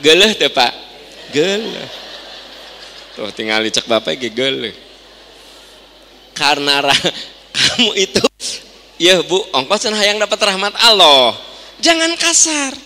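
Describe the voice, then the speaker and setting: A man's voice: on the high side, measured pace, pauses often, slight background noise. A middle-aged man with a Sundanese accent preaching in a mosque, chatty and questioning his listeners, acting out little everyday scenes. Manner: lively, chatty, quizzes the audience, acts out little scenes. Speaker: Islamic preacher. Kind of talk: sermon. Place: mosque hall. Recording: reverberant mosque hall.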